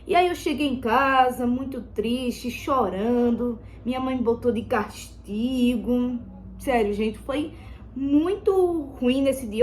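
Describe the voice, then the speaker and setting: A woman's voice: a little high, darkish tone, a little hiss or hum. A girl telling a story in a casual vlog while doing her makeup, rambling and repeating herself and calling out to her viewers again and again. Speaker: vlogger. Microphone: phone.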